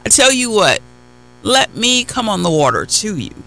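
A man's voice: high voice, big pitch swings, normal speed, vocal fry, pushed and bright, full character voice, rough recording. A man preacher briefly voicing an eager, impulsive male disciple in a casual, bargaining way.

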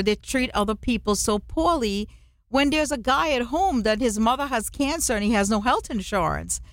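A woman's voice: a little high, no room sound, studio quality. A woman from Trinidad and Tobago hosting an interview, chatty and reflective as she talks. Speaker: interview host. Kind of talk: interview conversation.

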